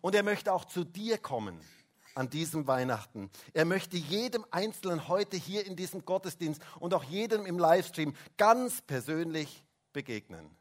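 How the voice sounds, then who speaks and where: A man's voice: on the high side, animated, moderate pace. A man preaching a Christmas sermon in a church service, chatting with the children and often tagging questions with "hä?". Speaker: pastor. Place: church service, also livestreamed.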